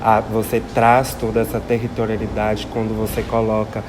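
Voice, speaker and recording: Young guy interviewing, low voice, pretty flat, noisy hum in the back. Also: normal speed. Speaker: student interviewer. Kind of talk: interview questions. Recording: noisy recording with background hum.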